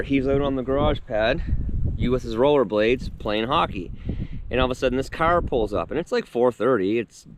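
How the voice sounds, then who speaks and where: Man, thirties, casual vlog storytelling, lively retelling, outdoors, mid-pitched voice, faint background noise. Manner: animated retelling, acting out quotes. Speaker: vlogger. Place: outdoors on his rural property with his dogs.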